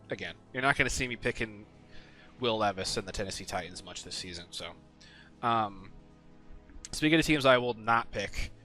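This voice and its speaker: Bright-voiced man rambling about picks. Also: lowish voice. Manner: rambling, frequent ums, casual swearing. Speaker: sports picks video host. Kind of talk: casual solo commentary.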